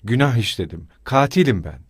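A man voicing a pale young workman who confesses in a choked but loud, earnest voice, pitched higher than his narration. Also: lively intonation, a little fast, husky, no echo, clean studio sound. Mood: choked confession.

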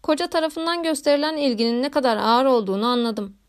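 High-pitched woman narrating a novel. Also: clean tone. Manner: measured, literary reading. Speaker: audiobook narrator. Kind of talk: scripted narration.

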